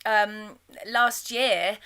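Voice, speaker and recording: Bright-voiced woman choir leader. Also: mid-range voice, steady tone, extremely slow, clear, resonant tone. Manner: chatty and warm, breaking into sung examples. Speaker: choir leader teaching a course. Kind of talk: enthusiastic spoken lesson with sung demonstrations.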